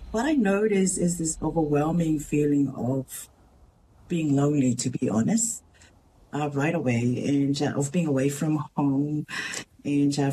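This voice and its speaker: A woman's voice: sits low, warm tone, a little hiss or hum, poor audio. Earnest Tongan woman telling her story. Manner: earnest, halting, many pauses and restarts. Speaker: teacher, interview guest. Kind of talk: radio interview, personal story.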